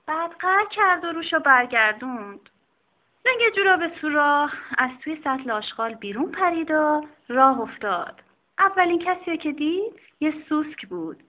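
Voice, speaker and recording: A woman reading a children's storybook aloud in an expressive, sing-song manner, on a dull lo-fi recording. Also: high voice. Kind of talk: storybook narration.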